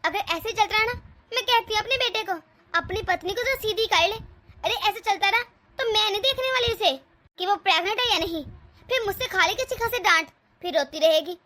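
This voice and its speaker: A woman's voice: very high-pitched, brisk, sharp tone, a little hiss or hum. A taunting, scolding cartoon mother-in-law, voiced by a woman. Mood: grumbling. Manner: taunting, sarcastic. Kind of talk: cartoon voice acting.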